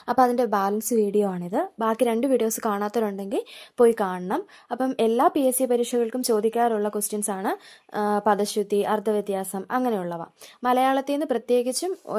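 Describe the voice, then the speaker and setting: A woman teaching an exam-prep spelling lesson, reading each word out slowly and carefully before explaining it. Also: fairly high pitch, mellow. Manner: slow, deliberate word-by-word dictation.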